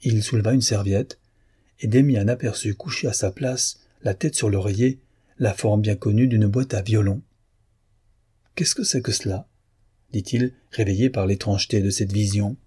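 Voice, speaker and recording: Low husky male narrator. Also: steady tone, dark tone. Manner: measured, literary. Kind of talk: audiobook reading of a novel.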